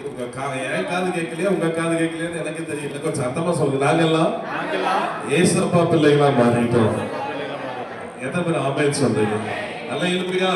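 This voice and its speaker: A man preaching a baptism sermon, asking rhetorical questions and urging the congregation to answer aloud. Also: fairly high pitch. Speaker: pastor. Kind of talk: call-and-response baptism sermon. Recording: very echoey hall, voice from a distance, faint noise.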